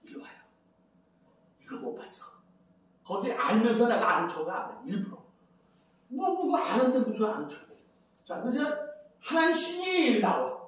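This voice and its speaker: A man's voice: very high-pitched, big pitch swings, moderate pace, long pauses. An older man giving a rambling Bible lecture as a preacher, chatty, counting and repeating phrases. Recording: very echoey, from far off the mic.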